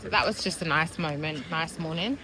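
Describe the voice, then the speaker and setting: A woman's voice: low voice, normal speed, a crowd in the background. A woman in her thirties chatting candidly and upbeat in a casual vlog. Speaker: vlogger. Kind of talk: casual vlog chat to camera. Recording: noisy background.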